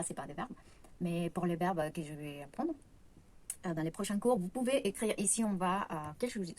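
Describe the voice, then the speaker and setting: A woman's voice: fairly low pitch, darkish tone, slight background noise. Hesitant woman. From Latin America. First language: Spanish. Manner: hesitant, many fillers and self-corrections. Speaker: language teacher. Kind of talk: casual online lesson.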